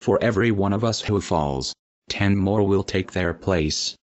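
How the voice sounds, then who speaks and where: A man speaks through a disguised, electronically deepened voice that sits very low. He delivers a defiant, declamatory scripted protest statement. The audio is dull and lo-fi. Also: a little slow, a little mellow, dry recording. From Australia. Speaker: activist spokesperson.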